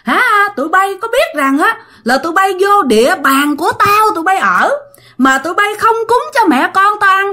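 A woman with a Southern Vietnamese accent voicing a hungry, vengeful female ghost who wails and scolds in a shrill voice. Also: animated, moderate pace, sharp tone, exaggerated voice. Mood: snarling. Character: hungry vengeful female ghost mother, wailing then snarling.

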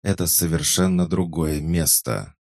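A man's voice: extremely low pitch, measured pace, darkish tone, breathy edge, dry recording, clean studio sound, pitched above the performer's own voice, full character voice. A man voicing an anxious young woman companion with urgent, alarmed exclamations in an audiobook. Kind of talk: audiobook character voice.

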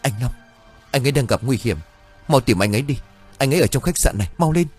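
A crying young woman in a storybook scene, pleading through sobs, as a male narrator lifts his voice to play her. Her voice rides high and swings widely, with a husky edge. A little music plays softly behind her. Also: animated, fast talker. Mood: urgent. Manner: sobbing, pleading. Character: young woman, frantic and tearful.

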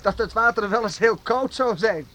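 Very high-voiced, sceptical boy adventurer. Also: pushed and bright. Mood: sceptical, teasing. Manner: halting, repeating words when alarmed. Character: sceptical, teasing boy adventurer, loyal to his friend. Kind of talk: Dutch audio drama acting. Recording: noisy recording with rushing water.

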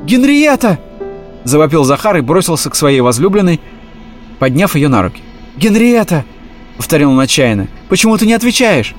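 A man's voice: medium pitch, expressive, brisk, faint music behind, lightly acted. A man voicing a fussy, lovesick male rat who wails and exclaims theatrically in a storybook reading. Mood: wailing.

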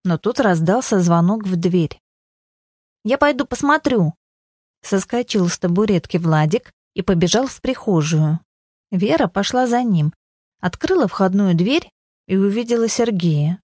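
A woman narrating an audiobook with an even storytelling delivery. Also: mid-range voice, moderate pace, no room sound, studio quality. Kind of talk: scripted narration.

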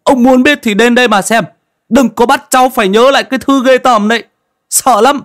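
A man's voice: a little fast, fairly bright tone. A man voicing a terrified young village man who stammers in panic, in a storytelling reading. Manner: stammering, shrill.

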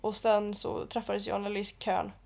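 A young woman co-hosting a podcast, chatting casually and telling stories with lively quoted dialogue. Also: mid-range voice, gravelly. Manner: animated storytelling, acting out quotes. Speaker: podcast co-host. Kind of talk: casual chat.

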